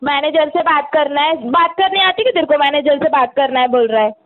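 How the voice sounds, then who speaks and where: A woman's voice comes through a tinny phone line as she presses for a loan repayment. She talks very fast and pushes hard, cutting in over the other person. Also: high voice, no room sound. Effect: heard over a phone line. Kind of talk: heated phone call.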